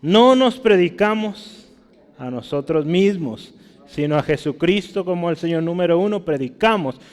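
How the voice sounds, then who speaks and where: At a normal speed, a man's clear, resonant, slightly mellow voice carries through a church hall's long reverb as he preaches in a Mexican Spanish accent. Verses read aloud bring a sharp rise in his pitch and volume, and he repeatedly asks "¿verdad?" so listeners will agree.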